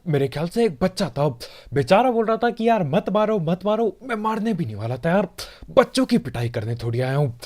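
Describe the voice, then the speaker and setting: A man gives a chatty gameplay commentary, joking and speaking straight to his viewers. His voice sits a little high, swings widely in pitch and has a mellow, soft tone. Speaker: gaming channel host. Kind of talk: casual gameplay commentary voice-over.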